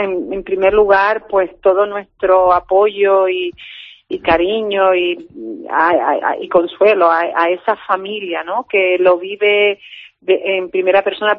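Woman, union officer, phone-in radio guest, halting, repeats words, tinny phone sound. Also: medium pitch. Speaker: union health and safety officer.

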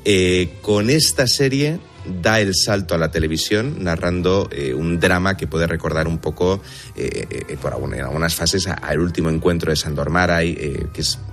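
A man's voice: low voice, moderate pace, faint music behind. A man giving a conversational series review as a show critic, hesitating and repeating words as he explains.

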